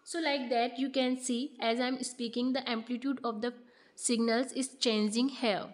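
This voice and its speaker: Speaking at normal speed in a fairly high, steady voice, a product demonstrator in her twenties with an Indian accent explains a demonstration plainly and one step at a time. The setting is an indoor office showroom with shelves, and the audio echoes around the room.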